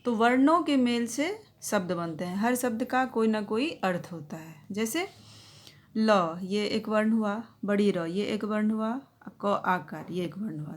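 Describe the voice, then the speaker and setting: Patient woman teaching young children. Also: on the high side. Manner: patient, checks in often with tag phrases. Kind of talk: explaining a grammar lesson for young children.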